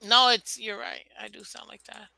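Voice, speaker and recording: Female guest co-host, sassy and insistent, high-ish and sharp-toned, dry close audio. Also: little pitch movement, moderate pace, vocal fry, no echo. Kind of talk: casual chat.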